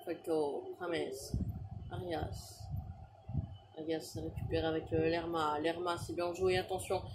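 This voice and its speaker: A man's voice: on the high side, flat delivery, slow. Man, French accent, gaming commentary, player names rattled off, faint room noise. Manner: rattles off player names, shouts at big chances. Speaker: gaming YouTuber. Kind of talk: live football game commentary.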